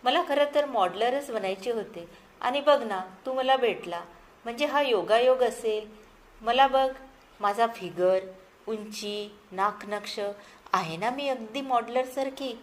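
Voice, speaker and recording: A woman voicing a chatty, ambitious young woman who dreams of modeling, talking in an excited, gushing way. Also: a little high, measured pace, close to an everyday voice. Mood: eager.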